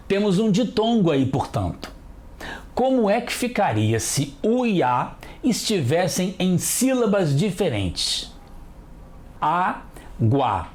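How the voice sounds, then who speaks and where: Slow, lively teacher. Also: medium pitch. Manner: slow, careful, spells out sounds. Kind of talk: children's TV lesson.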